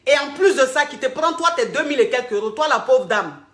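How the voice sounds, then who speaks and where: A woman hosts a call-in advice show as a relationship coach. She scolds and lectures her callers bluntly, lacing her advice with mocking insults. Her voice sits fairly high and carries a roomy echo. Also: animated, quick pace, a bit bright.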